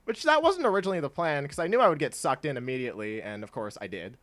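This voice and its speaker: A congested young man chatting in a low-key, rambling way while streaming a game, laughing often. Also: very animated, quick pace. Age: young adult. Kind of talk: casual gameplay stream chat. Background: quiet game music.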